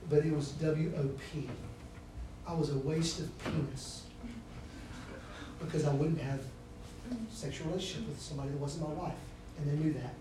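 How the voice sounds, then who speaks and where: Brief: male preacher, high voice, storytelling sermon that moves between hush and shout, heard from far off in a boomy hall. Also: background noise. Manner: storytelling, swinging from hushed to shouting. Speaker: campus preacher. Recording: echoey hall, speaker far from mic.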